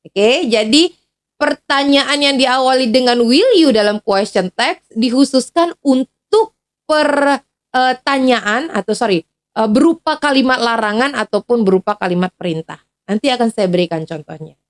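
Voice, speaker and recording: A woman from Indonesia teaching an English grammar lesson in a casual, chatty way, with fillers and quick self-corrections. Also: a little high, no echo. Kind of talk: explanatory lesson to students.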